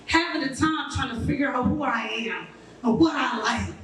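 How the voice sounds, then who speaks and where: A woman's voice: sits high, normal speed, a bit bright, slight background noise. A woman in her thirties doing a brash, profane stand-up set, teasing the audience. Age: 30s. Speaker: stand-up comedian. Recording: echoey room, mic far off.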